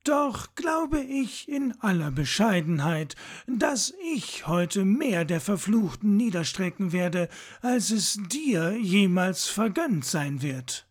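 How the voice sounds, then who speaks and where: A man's voice: sits high, sing-song, slow pace, hardly any pauses, voice pushed up, full character voice. A man voicing a proud, boastful male warrior comrade in a storybook, teasing and good-humored.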